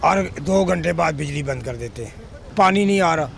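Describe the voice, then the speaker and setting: A man's voice: fairly high pitch, expressive, moderate pace, creaky, a little hiss or hum. A man speaking as a resident in a street interview, complaining in an agitated way.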